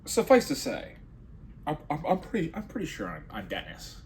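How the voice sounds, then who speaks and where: Lively sarcastic man riffing. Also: a little high, moderate pace, a little hiss or hum. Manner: sarcastic, rambling, deadpan asides. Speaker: comedian. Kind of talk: comedic monologue.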